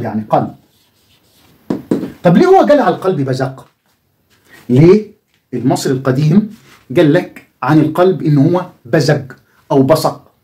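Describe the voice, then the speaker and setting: This is an explanatory video lesson from a man with an Egyptian Arabic accent, whose voice is a bit high with a dark tone. He poses questions to the viewer and then answers them himself.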